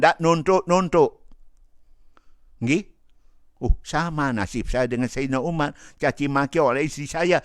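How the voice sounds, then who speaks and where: A man's voice: fairly high pitch, a bit bright, no echo, clean studio sound. A man giving religious advice as a preacher, retelling a story in a folksy, repetitive way with frequent rhetorical asides. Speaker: Islamic preacher answering a listener.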